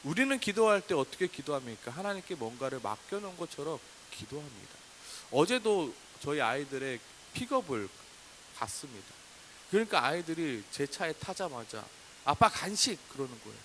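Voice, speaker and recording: A man in his thirties delivers a sermon in a fairly high, animated voice that rises and falls widely. He acts out complaining prayers in a louder voice. A soft hiss runs under the recording. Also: brisk, low-quality recording. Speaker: pastor. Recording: faint hiss.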